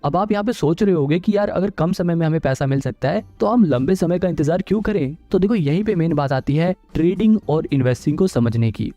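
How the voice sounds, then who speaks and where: A young man talks viewers through a finance lesson in a relaxed, conversational way, like a friend walking them through an example. His voice sits a little high for a man, with a warm, mellow tone. Soft music plays underneath. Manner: informal, addresses viewers as friends, explains with a story example. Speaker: finance educator. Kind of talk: explainer video narration.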